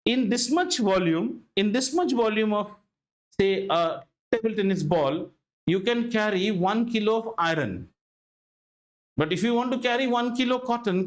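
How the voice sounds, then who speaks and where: A man with an Indian accent teaching a school lesson, animated and emphatic, often repeating himself and asking rhetorical questions. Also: sits high. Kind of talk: interactive classroom lesson.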